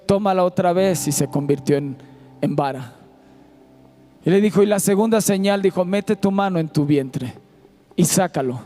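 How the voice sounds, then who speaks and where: A man's voice: a little high, dark tone. A man preaching a sermon in a church auditorium with a Mexican Spanish accent, sometimes half-singing his lines. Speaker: pastor.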